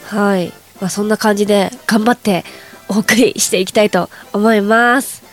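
A woman's voice: mid-range voice, fairly even intonation, moderate pace, faint music behind. A young woman hosting a chatty solo radio show, her voice nasal and stuffed up from hay fever, rambling casually to her listeners. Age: young adult. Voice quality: nasal, congested.

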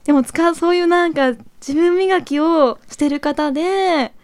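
A woman's voice: very high voice, normal speed, darkish tone. A woman guest on a late-night radio talk show, chatting casually and gushing with frequent giggles.

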